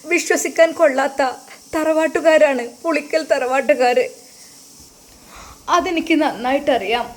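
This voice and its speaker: A woman voicing a grieving older woman who speaks in a hushed, subdued, bitter way. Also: high-pitched. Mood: warning.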